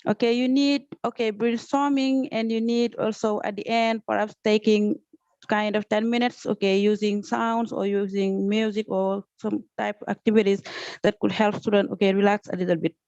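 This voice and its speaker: Speaking at a moderate pace in a mid-range, darkish, level voice, a woman from Senegal with a Senegalese accent comments off the cuff in a group class. She's a teacher in an online training, hesitant, repeating herself and often saying "okay". There's no room sound, and the highs are cut off.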